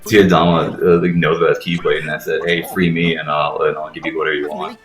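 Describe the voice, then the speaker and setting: A let's play host explains the game in rambling, casual commentary, swearing often. His bass voice is flat and fast, recorded with a roomy echo and faint game music behind.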